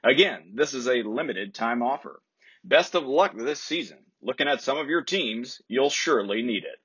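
A man reading a scripted parody sponsor ad in a salesman pitch delivery. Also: lively intonation, moderate pace, a bit bright, breathy edge, no room sound, muffled recording. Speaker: mock sponsor ad reader.

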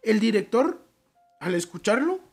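A man with a Mexican accent, co-hosting a chat show and telling a story in a relaxed, joking, slangy way. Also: high-pitched, unhurried, vocal fry, breathy edge, soft background music.

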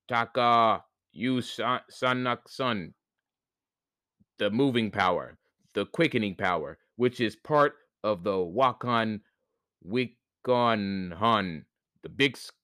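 A man voicing the great sun, a solemn male creator, who speaks in measured, commanding lines. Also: mid-range voice, a bit bright, no room sound, clean studio sound.

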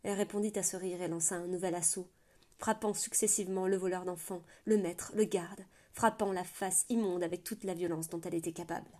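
A woman narrating a fantasy novel aloud in a steady reading voice, with small slips and restarts. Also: fairly low pitch, fairly quick. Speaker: audiobook narrator.

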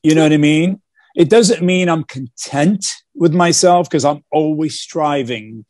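A man's voice: fairly high pitch, a little slow, a little mellow, dry recording, studio quality. A man from Portugal talking about his life as a guest on a video call, earnest, with many fillers and repeated starts. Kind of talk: casual interview talk.

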